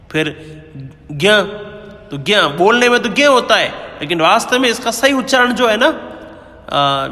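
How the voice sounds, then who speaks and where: A man's voice: high-pitched, sharp tone, long reverb tail. A man teaching Hindi grammar in a lecture, explaining patiently and often checking in with his students. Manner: explains patiently, keeps asking "है ना?" and "ठीक है?". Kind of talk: classroom-style grammar lecture.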